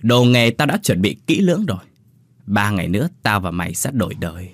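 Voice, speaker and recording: A man voicing a boozy, impatient older male thief who talks gruffly and blusters. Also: on the low side, very animated, fairly quick, no echo, studio quality.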